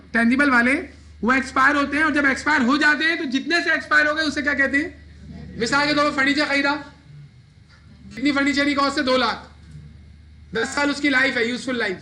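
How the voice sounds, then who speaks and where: High bright male lecturer quizzing students. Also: fairly quick, a little hiss or hum. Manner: asks students questions and answers them himself. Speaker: accounting lecturer. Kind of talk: classroom lecture.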